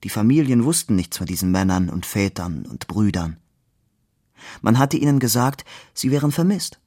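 A man with a low voice reads a novel aloud, measured and expressive. The recording is dry and close with no room sound. His pace is steady. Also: dry recording. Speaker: reader. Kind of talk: literary reading.

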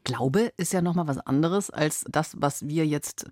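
A woman's voice: deep voice, measured pace, dry recording, clean studio sound. A woman hosting an interview, asking prompting questions and backing the guest with frequent murmurs. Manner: warm prompting questions, lots of mhm. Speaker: interviewer host. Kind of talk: casual interview.

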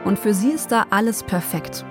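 Hosting a documentary podcast, a woman narrates calmly in a storytelling style, now and then adding personal asides. Her voice sits at medium pitch and normal speed, with soft music behind her.

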